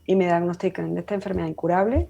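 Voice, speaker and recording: A woman in her fifties with a Venezuelan accent, a psychologist speaking as an interview guest in a warm, heartfelt way. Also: fairly low pitch, steady tone, rapid-fire, vocal fry. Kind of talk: interview conversation.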